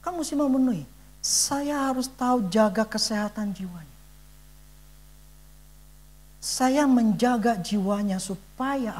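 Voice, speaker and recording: Man, father's church testimony, lively pitch, earnest, emphatic, searching for words. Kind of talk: conversational sermon testimony.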